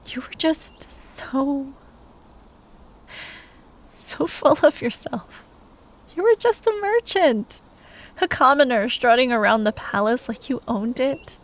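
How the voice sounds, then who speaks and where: This time the proud, grieving knight sounds wry and teasing, her soft, hesitant delivery often slipping into a breathy whisper that stays tender underneath. The woman's voice is a little high, and the rough fantasy ASMR recording carries a faint hiss or hum.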